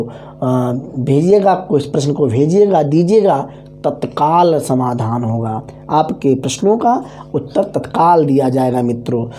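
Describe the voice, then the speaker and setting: A man's voice: a little high, warm tone. A man teaching an online exam-prep grammar lesson, drilling syllables and chanting memory formulas while checking that students follow. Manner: drills syllables slowly, keeps checking understanding; repeats mnemonic formulas aloud.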